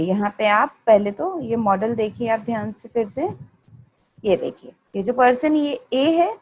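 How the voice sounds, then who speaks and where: A woman's voice: sits high, a little mellow, lo-fi sound, a little hiss or hum. A woman with an Indian accent giving an explanatory lecture, mixing in English terms and often checking in with "right?".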